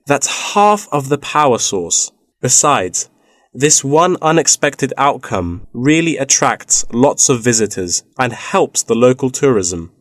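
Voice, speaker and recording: In a scripted listening-test dialogue, an actor plays a knowledgeable man explaining wind farm technology. His medium-pitched voice is very animated, with a measured, informative, explanatory delivery, and the recording is dry with no room sound.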